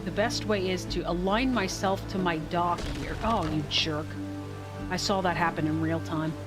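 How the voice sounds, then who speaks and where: A woman streams a game live with a lowish voice, fairly even intonation and a moderate pace. She narrates her thoughts as she plays and replies to chat casually, with game music underneath.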